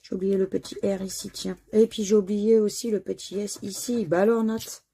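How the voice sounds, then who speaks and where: A woman's voice: medium pitch, flat delivery, normal speed, warm tone, slightly rough. A French woman hosting a scratch-card channel, chatting casually as she scratches tickets and spells out letters one by one. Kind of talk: casual commentary while scratching lottery tickets.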